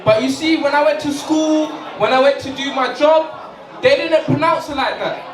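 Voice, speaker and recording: A man's voice: very high voice, normal speed, recorded from a distance. A young man doing a stand-up set in a big hall, slightly tipsy, joking and laughing with the crowd. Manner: playful, laughing, shouting to the crowd. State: a bit tipsy. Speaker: stand-up comedian. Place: stage in a large hall with audience. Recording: echoey hall, mic picked up from afar, loud crowd. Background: audience laughter and cheers.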